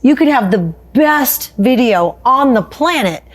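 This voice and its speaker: A woman host of an online car show chatting casually on a podcast, an animated storyteller who laughs easily. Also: high-pitched, a little slow.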